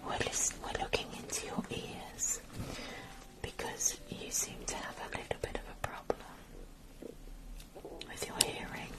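A woman whispering slowly and carefully through an ear-cleaning ASMR roleplay. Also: low-quality recording. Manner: soft unvoiced whisper, slow and careful.

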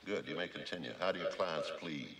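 An actor playing a strict older male judge who scolds and commands in a gruff voice. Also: extremely low pitch, a little fast, fairly bright tone, slight background noise. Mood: stern. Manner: scolding, impatient. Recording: echoey film clip audio.

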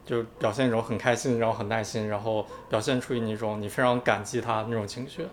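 A man co-hosting a podcast in casual chat, explaining calmly and patiently, often repeating words. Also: on the low side, fast talker, a little hiss or hum. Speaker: podcast co-host.

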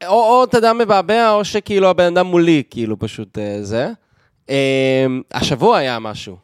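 Animated man telling a story, slightly high voice. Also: smooth, dry recording, clean studio sound. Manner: animated storyteller who acts out the people in his stories. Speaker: podcast co-host. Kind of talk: casual chat.

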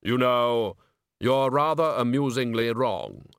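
A man voicing Death as a solemn, unhurried male figure with a deep bass voice and dry humor. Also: clean tone, dry recording.

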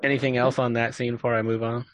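A man hosting a casual chat, recapping a TV episode in a relaxed, joking way with lots of filler words. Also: mid-range voice, quick pace, no echo, poor audio. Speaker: podcast host.

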